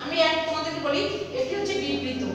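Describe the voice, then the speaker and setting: A woman teacher giving a grammar lesson, repeating words slowly and putting questions to her listeners. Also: sits high. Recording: echoey room from far off with faint noise.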